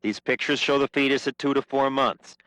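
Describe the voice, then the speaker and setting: A man narrating a TV news report in a measured, explanatory way. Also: mid-range voice, steady tone, bright, forceful tone, dry recording, low-quality recording.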